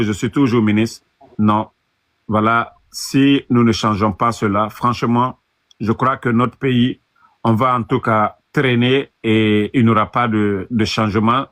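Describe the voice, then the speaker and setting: Casting note: man from Guinea, panel guest, earnest and halting, mid pitch. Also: fairly bright tone. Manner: earnest, halting, many restarts. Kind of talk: political panel talk.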